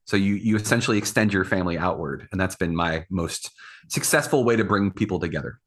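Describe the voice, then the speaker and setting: Bright-voiced, lowish man chatting on a panel. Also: quick pace. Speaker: podcast panelist and executive producer. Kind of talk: casual conversational chat.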